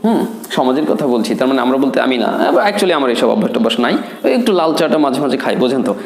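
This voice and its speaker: A man's voice: mid-range voice, big pitch swings, fast talker, creaky, reverberant. A man in his thirties from Bangladesh teaching a spoken English lesson, explaining with chatty asides and questions to the viewers. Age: 30s.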